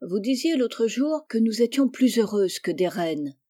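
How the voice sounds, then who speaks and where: A woman voicing a gentle, soft-spoken shy girl in a storybook reading. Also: a little high, expressive, a little slow.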